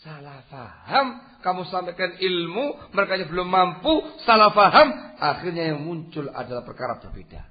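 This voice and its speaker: A man preaching at a religious study lecture, switching between loud emphatic bursts and quiet asides and asking rhetorical questions, in his speech. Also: sits high, big pitch swings, moderate pace. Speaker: Islamic preacher. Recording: dull lo-fi lecture recording.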